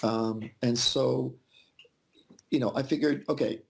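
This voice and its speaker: A man's voice: medium pitch, fairly even intonation, takes it slowly, vocal fry, slight background noise. A man in his forties, born in Yugoslavia and raised in the United States, answering interview questions thoughtfully with frequent fillers and restarts over a video call. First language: Albanian. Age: 40s. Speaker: interview guest. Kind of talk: casual interview conversation.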